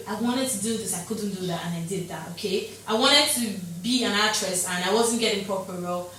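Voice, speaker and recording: A woman's voice: medium pitch, slight background noise. A young woman from Nigeria, an interview guest, talking casually with energy and emphatic repetition in a studio. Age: young adult. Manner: energetic, emphatic, repeats phrases for effect. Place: studio set with sofa. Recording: very echoey studio, heard from a distance.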